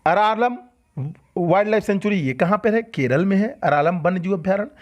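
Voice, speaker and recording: A man's voice: high-pitched, brisk. A man teaching a general-knowledge lesson for exam students, asking questions and answering them himself, and repeating key facts. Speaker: coaching teacher. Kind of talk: exam-prep lecture.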